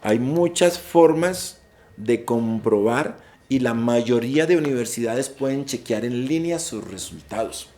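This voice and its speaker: A man's voice: medium pitch, lively intonation, unhurried, darkish tone. A young adult man giving an informative online session about an exam, emphatic and repeating his key points. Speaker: IELTS presenter.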